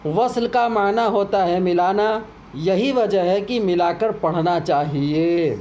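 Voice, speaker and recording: A man with a high, slightly mellow voice teaches a lesson, explaining each point step by step and acting out short spoken examples. A faint hum of room ambience sits in the background.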